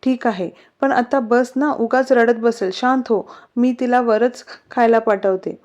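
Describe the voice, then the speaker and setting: Woman reads a gentle mother-in-law, soothing and firm, fairly high voice. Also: fairly even intonation, a little slow, lightly acted. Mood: calming. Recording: slightly muffled recording.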